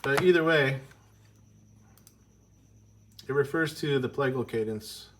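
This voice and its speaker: Stuffed up with a cold, this man gives a relaxed music lesson in a medium-pitched, slightly bright voice at a slow pace. He wanders off track, fixes his own statements, and fills pauses with frequent ums.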